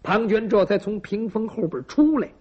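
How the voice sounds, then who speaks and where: A man's voice: high voice, animated, normal speed, a little mellow, slightly rough. A man telling a traditional story dramatically, with sound effects and asides to listeners, in a lo-fi recording. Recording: lo-fi dull recording.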